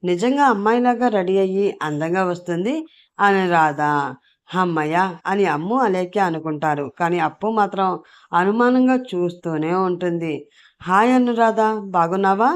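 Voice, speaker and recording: A woman's voice: fairly low pitch, normal speed. Woman narrating a serial audio story. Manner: steady, plain storytelling.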